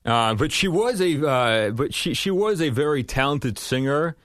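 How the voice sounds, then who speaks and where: A man's voice: mid-range voice, lively intonation, normal speed, fairly bright tone, no room sound. A young man from Staten Island, a guest in casual studio chat, hesitant with many fillers and restarts. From Staten Island, New York. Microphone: studio mic.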